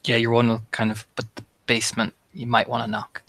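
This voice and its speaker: A man's voice: mid-range voice, completely flat delivery, fairly quick, vocal fry, fairly bright tone, no echo. A man co-narrating a tabletop game as game master, in a casual, hesitant way.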